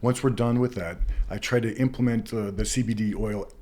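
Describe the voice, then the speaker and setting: A man's voice: fairly low pitch, fairly even intonation, brisk, dark tone. A man talking as a massage therapist being interviewed, explaining things casually through examples and anecdotes.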